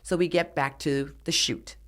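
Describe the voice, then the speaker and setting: Speaking at a normal pace in a low-sitting voice, a middle-aged podcast guest, a former figure competitor and mountaineer, narrates a dramatic episode in a casual interview. She brings it to life by animatedly acting out others' words.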